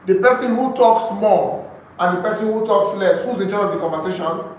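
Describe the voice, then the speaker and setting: Brisk and high-voiced, a Nigerian-accented real estate sales trainer gives a live lecture to a group. He drives points home by repeating key phrases and posing rhetorical questions, with echo, a faraway mic, and faint noise in the recording.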